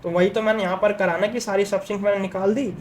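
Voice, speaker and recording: A man's voice: sits high, fairly even intonation, racing, a little hiss or hum, rough recording. Patient man teaching coding step by step. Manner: patient, step-by-step, often checks in with the listener. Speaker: coding tutor. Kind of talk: whiteboard coding lesson.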